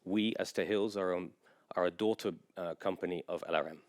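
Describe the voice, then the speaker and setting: A man delivers a conference presentation in a low, smooth, resonant voice. He speaks in a measured, informative way. His sentences are broken up by frequent filler pauses. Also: steady tone. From England. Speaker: general manager giving a presentation.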